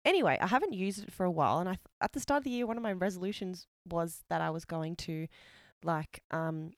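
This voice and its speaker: A woman's voice: fairly low pitch, fast, no room sound, studio quality. A woman co-hosting a podcast in casual chat, talking loosely, trailing off and laughing easily. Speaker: podcast co-host.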